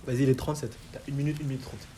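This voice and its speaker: A man's voice: mid-range voice, rapid-fire, a little hiss or hum. A young man hosting a casual chat about anime, talking loosely in slang with lots of fillers. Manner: relaxed slangy talk with many fillers. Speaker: host.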